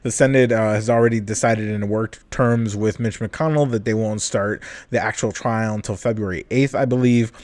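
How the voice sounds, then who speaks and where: A man's voice: fairly low pitch, steady tone, moderate pace, hardly any pauses, a little mellow, dry recording. A man hosting a casual political podcast, loose and laughing often, with casual swearing. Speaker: podcast host.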